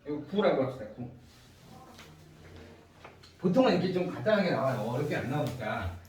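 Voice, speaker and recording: A man's voice: fairly high pitch, sing-song, a little fast, darkish tone. A man teaching a math class, explaining step by step and often asking his students if they follow. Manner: asks students frequent check-in questions. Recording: echoey room, distant mic.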